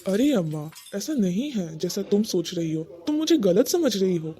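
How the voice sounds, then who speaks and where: A woman's voice: mid-range voice, very animated, normal speed, mellow, lightly acted. A woman voicing a flustered young husband who pleads and tries to placate his mother and his wife. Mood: pleading.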